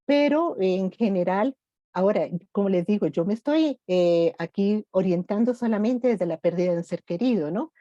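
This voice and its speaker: Middle-aged woman, gentle reflective speaker, mellow tone, flat lo-fi audio. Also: mid-range voice, normal speed, dry recording. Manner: gentle, reflective, personal examples. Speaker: grief workshop speaker. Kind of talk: online workshop talk.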